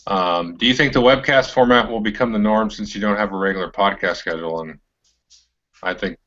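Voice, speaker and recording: A man's voice: on the low side, a little fast, a bit bright, muffled recording. A man with a nasal voice and an American Northwest and California accent, co-hosting a casual board game chat in a laid-back, hesitant way. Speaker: co-host.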